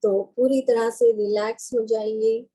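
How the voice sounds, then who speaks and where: A woman teaching a meditation lesson, explaining calmly and then guiding the listener through breathing, with soft hesitations. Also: on the high side, a little slow, low-quality recording. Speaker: meditation instructor.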